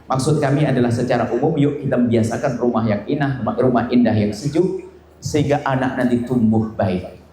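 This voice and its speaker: Male preacher, playful sermon, booming echo, faint room ambience. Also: a little fast, dark tone, a little hiss or hum. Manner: playful, jokes and mimics nagging wives and husbands in high voices. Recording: very echoey hall with faint ambience.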